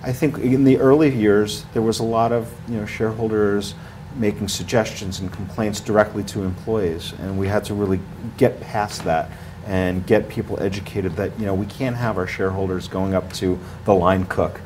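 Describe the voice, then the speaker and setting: Speaking at a moderate pace in a lowish voice, this forties-aged ski area marketing director rambles through a studio interview, full of fillers and restarts and growing louder as he gets excited. The recording is low-quality with slight background noise, in a small TV studio.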